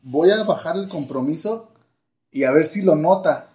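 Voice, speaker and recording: A man's voice: a little high, animated, moderate pace, dark tone. A young man with a northern Mexican accent in casual podcast chat as co-host, blunt and slangy, swearing freely.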